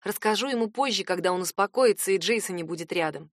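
A woman reading a novel aloud in first person as an audiobook narrator, with measured, wry storytelling. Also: mid-range voice, no room sound, clean studio sound.

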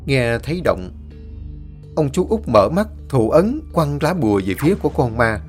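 A man's voice: mid-range voice, very animated, moderate pace, soft background music. A man narrating a ghost story and voicing each of the characters himself.

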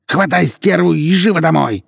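A man voicing a jealous, lame, middle-aged clan head who shouts and blusters in a husky voice. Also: medium pitch, animated, normal speed, dry recording, clean studio sound, voice pushed up. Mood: shouting.

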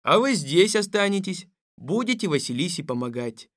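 A stern, weary tsar from a fairy tale who barks his orders in a gruff, commanding tone. His voice sits a little higher than most men's, and the recording is close and dry, with no room sound. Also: very animated, moderate pace, fairly bright tone, no echo. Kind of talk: audiobook radio play.

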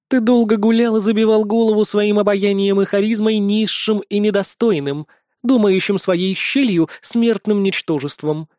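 A man's voice: high-pitched, darkish tone, no room sound, studio quality, pitched above the performer's own voice. A man voicing a haughty predatory goddess. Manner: haughty, mocking. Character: arrogant predatory female goddess ruler.

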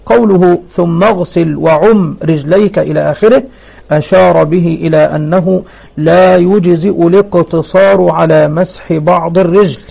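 A man's voice: on the high side, steady tone, moderate pace, vocal fry, breathy edge. A man giving a religious lesson, reading lines of a text and explaining them with rhetorical questions. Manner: reads verses then explains with rhetorical questions. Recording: phone-like narrow band.

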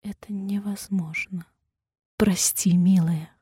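Female reader as a tender nurse in an audiobook, hushed and soothing, husky tone. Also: medium pitch, slow, dry recording, studio quality, pitched above the performer's own voice. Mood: soothing, sorrowful. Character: caring nurse sister, gentle and sorrowful.

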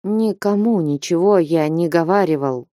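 A woman reading the part of a humble, frightened young man who answers in a hushed, dejected voice. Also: lowish voice, normal speed, no room sound, studio quality, natural voice. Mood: subdued.

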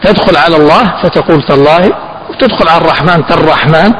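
A man leads a lesson, posing questions and answering them, with a slightly high voice. He stretches the important words slowly, and a faint hiss sits under the recording. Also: fairly bright tone, rough recording. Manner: asks questions and answers them himself, slow and emphatic on key phrases. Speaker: sheikh teaching a fiqh text. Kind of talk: classroom lesson explaining a text.

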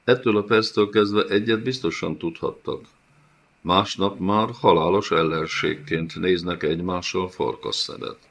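Deep-voiced male audiobook narrator. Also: fairly bright tone. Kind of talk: scripted narration.

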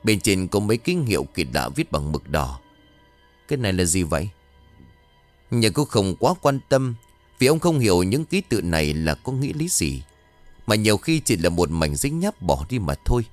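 Low-voiced man narrating a ghost story. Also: big pitch swings, normal speed, no echo. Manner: dramatic, suspenseful. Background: faint music.

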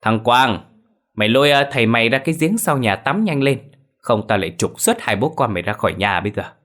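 A man voicing a sharp-tongued village wife who mocks and nags her husband, in a spoken ghost story. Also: lively intonation, a little fast, lightly acted. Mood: bossy. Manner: shrill, mocking, nagging.

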